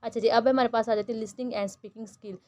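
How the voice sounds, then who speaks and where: Woman teacher slowly explaining a lesson. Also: on the high side, fairly even intonation, a little mellow. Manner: reads English lines slowly, then explains them at length in Hindi-Urdu; frequent fillers and restarts while explaining. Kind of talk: textbook lesson, explaining and translating.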